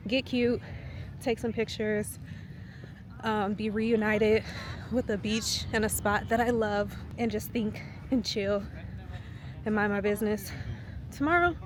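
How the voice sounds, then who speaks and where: Chatty woman vlogger, noisy background. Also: medium pitch. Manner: chatty, laughs often, many "like" fillers. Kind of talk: casual vlog chat.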